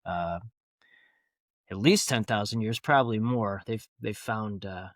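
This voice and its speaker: A man's voice: lowish voice, a little slow, no echo, studio quality. A man talking as a podcast guest, rambling and enthusiastic, with many fillers and restarts. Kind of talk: casual interview talk.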